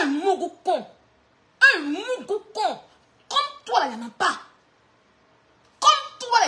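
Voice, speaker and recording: A woman's voice: very high-pitched, pushed and bright. A woman ranting a mocking insult clash at a rival, laughing often as she talks. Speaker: online clash streamer.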